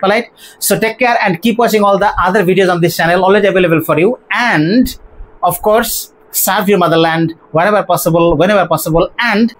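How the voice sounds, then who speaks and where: An English teacher gives an online lesson, asking questions and then repeating each word slowly to drill its pronunciation. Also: medium pitch, a little hiss or hum. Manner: poses questions to the viewer, then answers them.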